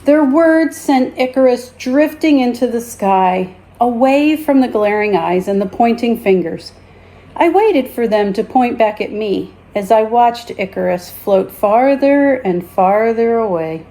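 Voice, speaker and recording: A woman teacher reads a children's story aloud with deliberate expression, her voice a little high. The recording quality is low.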